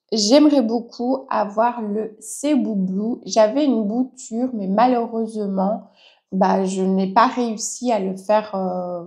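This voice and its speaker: A woman's voice: mid-range voice, mellow. Woman vlogger, casual and enthusiastic to camera, keeps stretching out her words for emphasis, a bit self-mocking. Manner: chatty, enthusiastic, self-deprecating. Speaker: plant vlogger. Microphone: reading from a notebook to camera.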